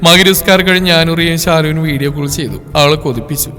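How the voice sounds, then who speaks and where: A man, telling a story in a plain, steady way. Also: fairly high pitch, quick pace. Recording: echoey room with faint music.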